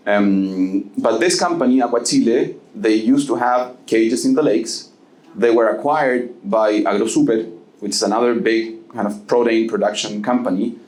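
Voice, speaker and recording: A man's voice: lowish voice, darkish tone. A man on a panel for a lake conservation nonprofit, answering an audience question in an explanatory way, with restarts and frequent "okay?" check-ins. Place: event room at a live panel. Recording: echoey room.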